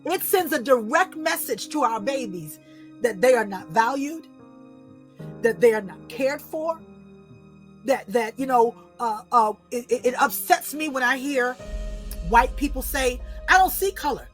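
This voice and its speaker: A woman who writes and illustrates children's books, telling personal stories as an interview guest in an expressive, animated way. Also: a little high, unhurried, faint music behind. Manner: expressive, animated storytelling with acted-out voices. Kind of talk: storytelling in an interview.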